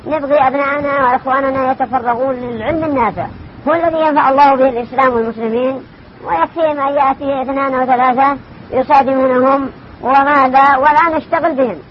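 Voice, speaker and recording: A man's voice: very high-pitched, lo-fi sound, a little hiss or hum. A religious scholar answering a question, repeating phrases as he lists examples, heard from an old worn cassette tape.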